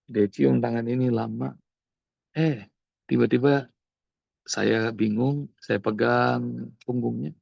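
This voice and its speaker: Gravelly-voiced man telling a sermon story. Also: mid-range voice, takes it slowly, pauses often, no room sound, dull audio. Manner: animated storytelling, acting out dialogue. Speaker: preacher.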